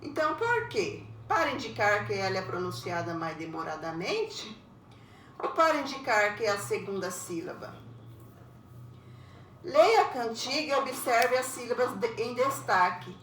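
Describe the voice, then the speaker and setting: Woman teacher, unhurried, explains step by step for children, roomy recording with faint background noise. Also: fairly high pitch, very animated, a bit bright, far from the mic. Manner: patient, explains step by step, ends phrases with a tag question. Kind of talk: recorded lesson for young pupils.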